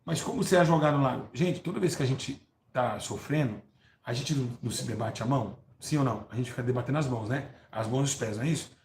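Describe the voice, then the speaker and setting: Fervent preacher in a roomy echo. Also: male voice, quick pace, creaky. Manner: fervent, repeats words and asks listeners for agreement; swings from loud stresses to low murmurs. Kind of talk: live-streamed hellfire sermon. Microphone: live-stream mic. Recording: roomy echo with faint background noise.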